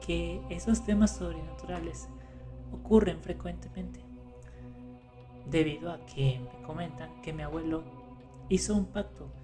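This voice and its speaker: A man reading horror stories aloud in calm scripted narration, rising for the tense moments. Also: fairly high pitch. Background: faint music.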